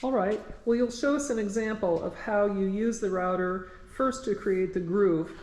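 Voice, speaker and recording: A woman's voice: medium pitch, normal speed, darkish tone. A woman hosting a conversational how-to interview, asking questions and restating technical details. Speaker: interviewer of the woodworker. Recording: echoey workshop, background noise.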